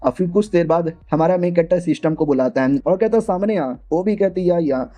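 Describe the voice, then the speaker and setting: Man narrating a manga recap, high mellow voice, casual storytelling, faint music behind. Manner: voices every character himself in quick quoted bits. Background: faint background music.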